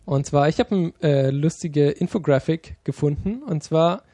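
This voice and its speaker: A man's voice: on the high side, animated, normal speed, mellow, no room sound, studio quality. A man co-hosting a casual podcast chat, wry and sarcastic. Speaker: podcast co-host.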